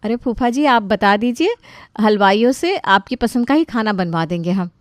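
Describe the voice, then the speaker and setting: A woman's voice: medium pitch, animated, normal speed, dry recording, clean studio sound, lightly acted. A woman voicing a sarcastic young woman of the family in a cartoon. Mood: wry. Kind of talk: cartoon voice acting.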